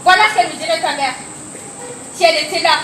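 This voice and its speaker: A woman's voice: very high-pitched, fairly even intonation, fast, bright, forceful tone, a little hiss or hum. A schoolgirl playing a scolding old nurse. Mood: lamenting. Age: teens. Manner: scolding, lamenting. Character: scolding old female nurse, fussy and fond. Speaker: student actor. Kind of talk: school stage play. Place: theatre hall. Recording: echoey hall, insects behind.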